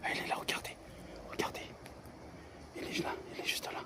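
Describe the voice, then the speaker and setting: A man vlogging outdoors, whispering softly to his viewers as he quietly tries to spot something. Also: fairly quick. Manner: hushed whispering to viewers, then excited. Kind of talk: whispered wildlife-spotting vlog.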